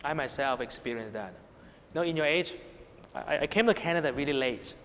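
A man's voice: on the high side, fairly quick, a bit bright, slight background noise. A man with a Hong Kong Cantonese accent preaching a sermon to young people, emphatic, often raising and dropping his voice and checking in with rhetorical questions. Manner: rhetorical questions, repeated check-ins with listeners. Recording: long hall reverb.

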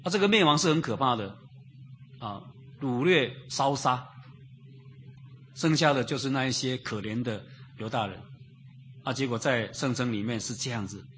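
A man preaching an expository Bible sermon in a conversational way, repeating phrases, asking rhetorical questions and filling pauses with drawn-out interjections. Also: medium pitch, a bit bright, slight background noise.

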